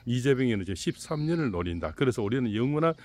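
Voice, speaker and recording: A man's voice: medium pitch, sing-song, fast talker, a little mellow, slight background noise. A middle-aged man giving a rambling political commentary monologue, full of fillers and rhetorical questions. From South Korea. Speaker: fortune-teller commentator.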